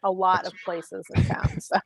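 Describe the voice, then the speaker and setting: A woman's voice: on the low side, level tone, normal speed, vocal fry, no room sound, rough recording. A woman moderating a video call panel, chatty and good-humored.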